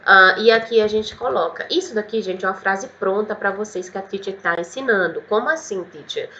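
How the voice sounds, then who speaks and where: Bright-voiced Brazilian teacher woman. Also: medium pitch, lo-fi sound. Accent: Brazilian Portuguese. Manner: lively, explains slowly and repeats words. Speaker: English teacher. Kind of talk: casual online English lesson.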